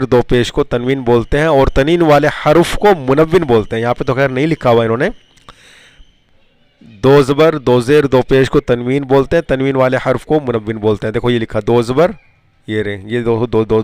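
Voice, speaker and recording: A man teaching a step-by-step reading lesson, calling viewers friends, repeating each rule and chanting letter drills in a steady rhythm. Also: mid-range voice, clean tone, no echo.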